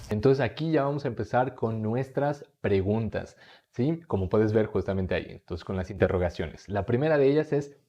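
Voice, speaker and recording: A man with a Mexican Spanish accent, patiently explaining an English lesson and slowly repeating phrases for learners. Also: lowish voice, mellow. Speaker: English teacher.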